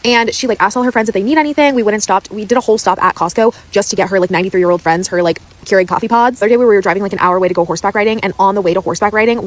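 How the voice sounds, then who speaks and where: A woman in her mid twenties telling a story in a casual vlog, rambling and animated. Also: mid-range voice. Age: 20s. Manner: rambling, lots of "like" fillers, animated retelling.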